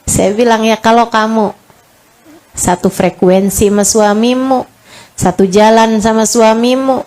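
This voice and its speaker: A middle-aged woman giving a casual religious lecture, telling stories and acting out dialogues. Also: dark tone. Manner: casual, chatty, acts out dialogues with pitch swings. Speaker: preacher.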